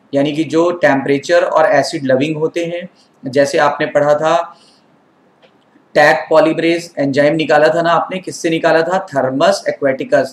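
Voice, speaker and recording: An Indian man teaches a biology lecture, asking his class questions and answering them himself. His voice sits a little high for a man, and the room gives it a noticeable echo.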